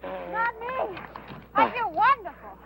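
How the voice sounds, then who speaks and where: A man's voice: very high voice, wildly swooping pitch, takes it slowly, creaky, exaggerated voice. An actor playing a flippant, wisecracking man on a trek in an old B-movie, with a sing-song delivery. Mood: mocking. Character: flippant, wisecracking member of a trekking party. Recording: noisy old film soundtrack.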